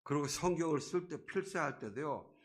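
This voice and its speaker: A man's voice: a little high, expressive, fairly quick. A male pastor preaching a sermon to his congregation in a church, in a conversational way, often asking them questions. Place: church sanctuary.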